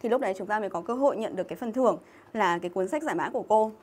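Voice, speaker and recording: A woman's voice: medium pitch, rapid-fire, a little mellow. A young woman from Vietnam teaching an English exam-review lesson on a livestream, chatting and reading out viewers' names and comments.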